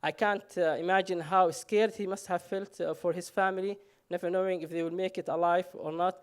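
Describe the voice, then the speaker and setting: High-voiced man telling a story. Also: level tone, a little fast, clean tone. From Somalia. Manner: humorous, self-mocking, frequent "uh" fillers. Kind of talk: live personal storytelling on stage.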